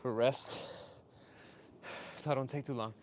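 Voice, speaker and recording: On a workout livestream, a man chats casually, tossing out upbeat, slangy shout-outs to his viewers. His mid-range voice is a little slow, with fairly even intonation. The stream audio is clearly noisy and has clicks.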